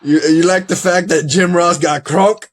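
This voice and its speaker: A man hosting a casual podcast review, talking in an animated way, reading results aloud and laughing often. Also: sits high, a little slow. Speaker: podcast host.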